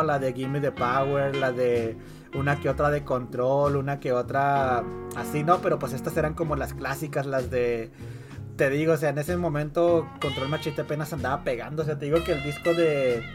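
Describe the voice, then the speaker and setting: A Mexican man hosts a podcast, talking casually and ramblingly about music, full of slang. His mid-range voice keeps a fairly even intonation at a normal speed, with music behind it.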